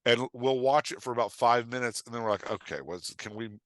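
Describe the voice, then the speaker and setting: Speaking briskly in a mid-range voice with no echo, this podcast guest, an author and writing coach, explains ideas through examples in a casual, storytelling manner. He is emphatic and frequently checks in with the person he's talking to.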